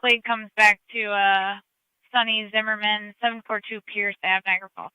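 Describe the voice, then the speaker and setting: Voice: medium pitch, flat delivery, normal speed, clean tone, dry recording, muffled recording. A dispatcher on police radio, speaking in clipped, procedural phrases. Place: scanner stream of radio traffic.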